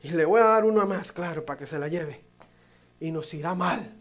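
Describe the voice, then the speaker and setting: Passionate pastor preaching. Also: male voice, a little high, normal speed. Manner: passionate preaching, swinging from loud exclamations to hushed lines, with joking asides. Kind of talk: sermon.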